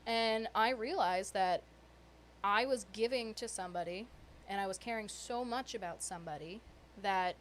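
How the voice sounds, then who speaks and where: A woman's voice: mid-range voice, normal speed, slight background noise. Reflective woman in casual conversation. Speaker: podcast participant. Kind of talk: casual personal podcast conversation.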